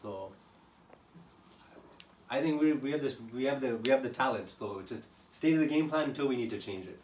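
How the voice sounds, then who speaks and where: Fast-talking man discussing team strategy. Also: medium pitch, animated, a little mellow. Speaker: team player. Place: echoey indoor room, locker room. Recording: echoey, distant mic, faint noise.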